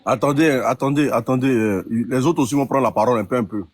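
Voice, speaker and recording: A man moderating a live debate, calming the speakers and giving the floor to others. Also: medium pitch, fast talker, no echo, clean studio sound.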